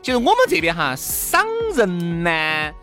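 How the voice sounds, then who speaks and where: A man's voice: a little high, big pitch swings, a little slow, bright, forceful tone, soft background music. A man with a Sichuanese accent co-hosting a comic chat show in a playful, bantering way. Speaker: co-host.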